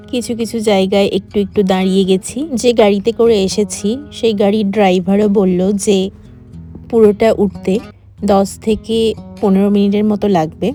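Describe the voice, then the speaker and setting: A woman's voice: medium pitch, dark tone. A woman narrating a travel vlog, dropping in some English words. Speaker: travel vlogger.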